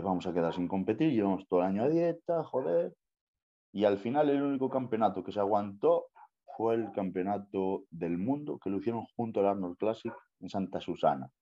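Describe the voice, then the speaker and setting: Man, Spanish accent, deep low voice, mellow, slangy storytelling, swears a lot. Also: dull audio. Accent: Spanish from Spain. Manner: slangy, swears often, keeps saying "tío" and "¿sabes?". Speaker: professional bodybuilder guest. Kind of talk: casual interview storytelling.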